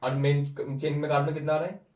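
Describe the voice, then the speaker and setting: A man's voice: on the high side, level tone, quick pace, darkish tone, slight background noise. A young man tutoring chemistry informally, drilling each step and repeating answers. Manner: drills step by step, repeats answers, teasing and pushy when challenged. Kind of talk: informal classroom explanation. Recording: roomy echo, recorded from a distance.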